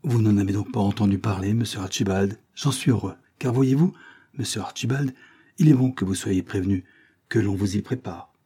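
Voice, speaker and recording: A man's voice: lowish voice, brisk, warm tone, slightly rough. A man playing a timid old clerk. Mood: hesitant. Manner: hesitant, apologetic, roundabout.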